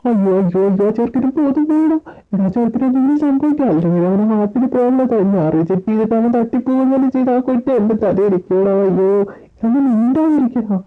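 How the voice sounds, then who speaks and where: Woman storyteller voicing every character dramatically; lo-fi phone-like audio, soft music behind. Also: fairly high pitch, fast. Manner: dramatic, switching between character voices. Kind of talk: acted fan audio story.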